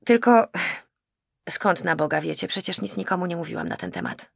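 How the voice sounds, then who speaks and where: A woman's voice: on the low side, moderate pace, creaky, husky, no room sound, clean studio sound, exaggerated voice. A woman voicing an agitated, exasperated young woman in an audiobook, pleading and raising her voice. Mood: awkward. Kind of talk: audiobook character voice.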